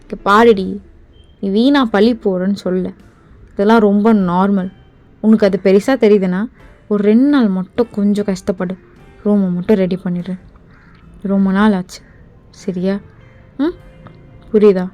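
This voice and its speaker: A woman's voice: medium pitch, steady tone, moderate pace, long pauses, a little mellow, soft background music, close to an everyday voice. A woman voicing an irritated young boyfriend in a fan voice drama, with a curt, harsh, dismissive manner.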